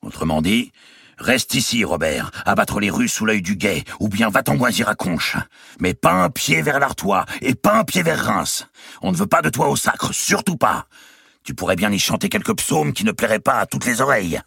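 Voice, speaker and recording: A man voicing a brash, mocking giant of a royal nobleman, loud and bellowing in an audiobook reading. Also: on the low side, sing-song, moderate pace, vocal fry, husky, no room sound, studio quality, pitched above the performer's own voice, heavily acted. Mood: scornful.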